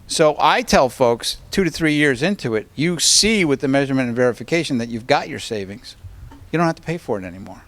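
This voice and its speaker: Male consultant at a public board meeting; conversational, example-driven, checks in with listeners often; mid-pitched. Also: expressive, a little fast, a bit bright. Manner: conversational, walks through examples, keeps checking with "okay?". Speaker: energy consultant advising a school board. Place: school board meeting room.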